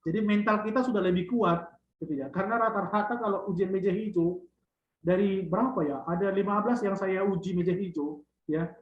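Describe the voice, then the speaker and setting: A man, a lecturer guiding students on their theses, who closes phrases with a drawn-out tag and teases. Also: high-pitched, slight background noise. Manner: drawn-out "gitu dia" tags, teasing. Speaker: thesis supervisor lecturer. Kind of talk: online thesis guidance talk. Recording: echoey, dull lo-fi sound.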